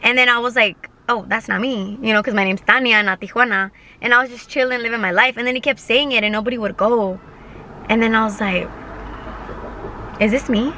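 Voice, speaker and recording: A young woman in her twenties with a bright, slightly high voice chats over a meal in her parked car. She rambles loosely, full of fillers and casual swearing, as if talking to a friend into her phone. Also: fairly even intonation, fast talker, a little hiss or hum. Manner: rambling, filler-heavy, swears freely, eats while talking. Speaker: vlogger. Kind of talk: casual mukbang storytime chat.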